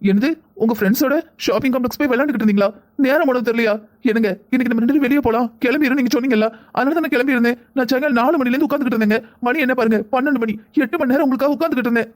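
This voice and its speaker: A man voicing a worried, reproachful young wife in a cartoon, speaking with a southern Tamil accent. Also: very high-pitched. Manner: pleading, scolding, quick. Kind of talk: cartoon voice acting.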